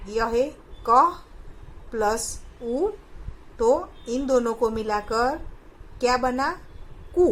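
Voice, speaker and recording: Woman from India, school teacher, slow delivery, fairly high voice, patient, repeats answers. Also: slight background noise. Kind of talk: recorded online class lesson.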